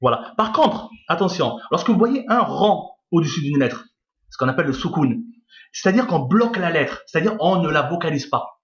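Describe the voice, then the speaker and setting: A man's voice: a little high, big pitch swings, normal speed, a bit bright. A man teaching a reading lesson, patient, repeating each point and checking that his listeners follow. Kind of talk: screen-recorded reading lesson. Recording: lo-fi echoey room.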